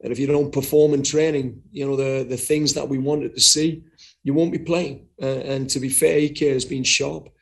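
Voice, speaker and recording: The middle-aged man's voice is creaky, medium in pitch, level in tone and normal in speed. As head coach in a post-match press conference held over a video call, he talks frankly and keeps repeating words while thinking, seated indoors before a sponsor backdrop.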